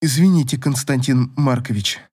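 A man voicing a shy young woman who sniffles and apologizes, raised in pitch. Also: normal speed, noisy background, natural voice. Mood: apologetic.

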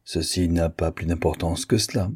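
Wry sardonic doctor, low pitch, husky dark tone, male reader. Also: steady tone, moderate pace. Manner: dry, wry.

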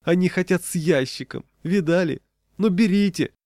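A man's voice: normal speed, no room sound, studio quality. A man doing a wailing, anguished street hawker. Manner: anguished wailing, high outbursts. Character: suffering street seller of fishing bait, man.

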